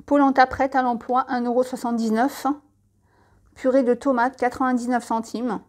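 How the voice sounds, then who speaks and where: A woman's voice: a little high, little pitch movement, moderate pace. A French woman chatting through a supermarket catalogue, listing products and prices with friendly tips and asides. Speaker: catalogue presenter.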